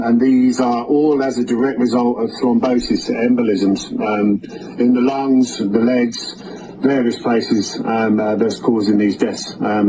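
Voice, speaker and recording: A man, a funeral director, giving a spoken video update in a hesitant way with many ums, heard through low-quality streamed video audio. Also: mellow, slight background noise. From United Kingdom.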